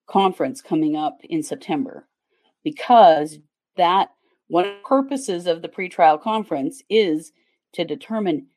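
Lowish-voiced woman co-hosting a chatty livestream. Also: a little mellow. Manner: laughs often, chatty, reads viewer chat aloud. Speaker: true crime channel co-host. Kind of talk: casual livestream chat.

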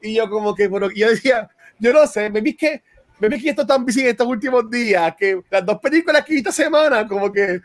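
A man's voice: high voice, a little fast. A man from Puerto Rico with a Puerto Rican accent, co-hosting a casual podcast chat and mixing English words into his Spanish. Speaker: podcast co-host.

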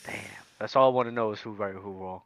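A man's voice: lowish voice, fairly even intonation, brisk, dry recording. A man in casual sports banter as a podcast panelist, emphatic and repeating his phrases. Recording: slightly dull, lo-fi mic sound.

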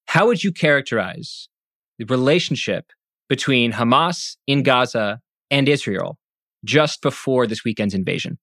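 Male interviewer, mid-pitched, probing and deliberate, dry close recording. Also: lively intonation, gravelly, a bit bright, dry recording. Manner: probing, builds questions step by step. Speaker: host. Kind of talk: interview questions.

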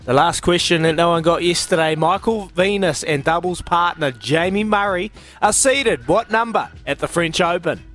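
A man hosting a radio phone-in quiz with excitable, matey, slangy banter. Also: sits high, normal speed, soft background music. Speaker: breakfast radio quiz host. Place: radio studio.

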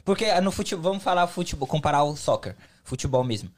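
A man's voice: fairly high pitch, animated, fast. A man with a Brazilian Portuguese accent, chatting casually as a podcast host, exclaiming and asking questions in slang with swearing.

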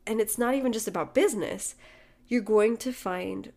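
A young woman talks through a solo podcast episode in an upbeat, encouraging way, laughing easily as she goes. A cold she is getting over leaves her voice slightly nasal, and her pitch sits in an ordinary middle range for a woman. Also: normal speed, creaky, a little mellow. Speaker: podcast host and small business owner. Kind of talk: casual solo podcast monologue.

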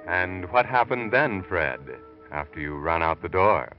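A man's voice: sits low, lively intonation, loud music behind the voice. A man with an American accent playing a sardonic, all-knowing narrator who taunts a criminal, theatrically, in 1940s radio style. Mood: sardonic, gloating. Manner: mocking, deliberate, theatrical. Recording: dull vintage radio recording.

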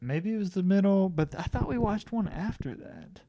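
A man's voice: high voice, lively intonation, normal speed, dark tone, no echo. A young man hosting a casual podcast chat, rambling and self-deprecating, laughing often. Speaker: podcast host.

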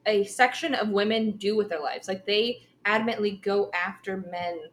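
A woman's voice: medium pitch, moderate pace. A woman in casual conversation, wry and a little hesitant, searching for names as she talks. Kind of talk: casual chat.

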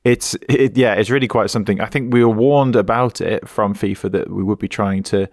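A young man co-hosting a football podcast, talking in a measured, hedging way. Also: on the low side, dry recording, studio quality. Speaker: podcast co-host. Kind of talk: casual chat.

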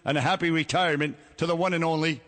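A man's voice: steady tone, quick pace, a bit bright, natural voice. A man doing a foul-mouthed cardinal. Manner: mock-pious, insulting, booming brogue with a catchphrase. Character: crude, irreverent older male Irish cardinal. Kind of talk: comedy radio bit.

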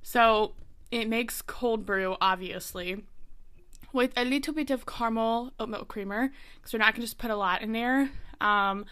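A woman's voice: medium pitch, a bit bright, clear, resonant tone. A young woman hosting her own podcast in casual chat, bubbly and chatty, a little out of breath. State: slightly out of breath. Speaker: podcast host.

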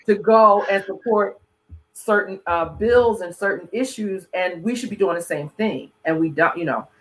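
Calm, measured conversational voice. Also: mid-range voice, low-quality recording. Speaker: host. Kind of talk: casual conversation.

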